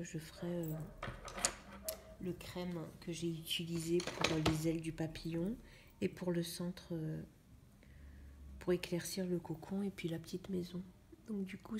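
A young woman chatting in a casual coloring vlog, musing to herself in a soft, often half-whispered voice. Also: fairly low pitch, flat delivery, measured pace, slight background noise. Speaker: vlogger. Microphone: phone camera.

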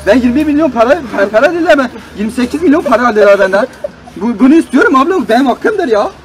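Young man putting on a very high-voiced naive complainer. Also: a little hiss or hum, low-quality recording. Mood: insistent, indignant. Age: young adult. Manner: halting, repetitive, broken grammar, pleading. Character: naive, aggrieved man complaining in broken speech. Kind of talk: prank phone call.

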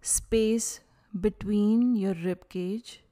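This is a calm woman's voice of medium pitch guiding a yoga nidra meditation. Her phrases are brief and gentle, and she leaves long silences after each.

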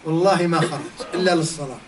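A man's voice: fairly high pitch, fast talker, crowd noise. A man giving a religious lesson, telling a story and firing off rhetorical questions. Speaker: Islamic teacher. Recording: distant mic, faint background noise.

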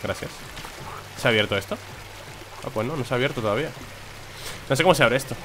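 A man's voice: medium pitch, expressive, quick pace, sharp tone, slight background noise. A young man with a Spain Spanish accent giving chatty let's play commentary and swearing when he gets frustrated. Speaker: gaming video creator. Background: game music.

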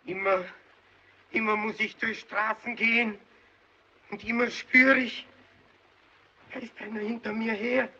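A tormented hunted child killer. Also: male voice, sits high, flat delivery, unhurried, pauses often, bright, forceful tone, exaggerated voice. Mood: anguished. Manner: desperate, broken, rising to frantic screams. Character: hunted, tormented male child killer pleading before a mob. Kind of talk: 1930s film drama acting. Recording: dull early sound-film audio.

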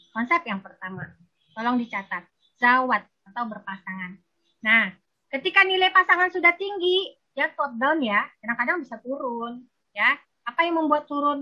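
A woman giving a marriage-counseling talk over a video call. She is lively and teasing, and she speaks straight to her audience. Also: fairly high pitch, muffled recording. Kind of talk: virtual seminar lecture.

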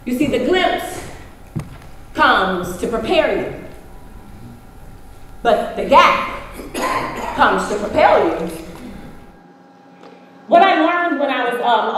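A woman's voice: high-pitched, a little hiss or hum. A woman from the United States giving a motivational speech at a conference, telling a story and speaking straight to the audience. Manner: storytelling, addresses the audience directly. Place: large conference hall. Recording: echoey hall with long reverb.

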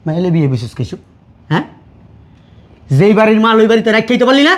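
An actor playing a harsh, scornful stepfather in a family drama, shouting insults at his wife. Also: high voice, very animated, fast. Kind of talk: Bangladeshi short drama acting.

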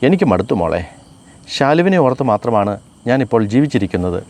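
A man's voice: mid-range voice, fast. A man doing a weary, resigned older wife. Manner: flat, resigned telling. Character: weary, sorrowful middle-aged housewife.

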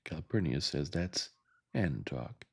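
A husky-voiced man voicing a stubborn, defiant young girl in a storybook reading. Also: rumbling low, very animated, slow, exaggerated voice. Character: stubborn tomboy girl, a little sister.

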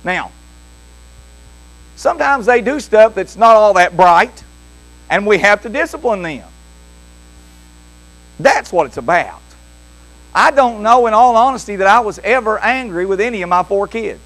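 An older man preaching a sermon, telling a homespun, jokey story in a lively, folksy way. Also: high voice, unhurried, pauses often, low-quality recording. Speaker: pastor.

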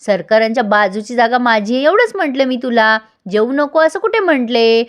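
Woman putting on a scornful bossy wife, taunting, commanding, a bit high. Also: animated, fairly quick, natural voice. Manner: taunting, bossy, shouting orders.

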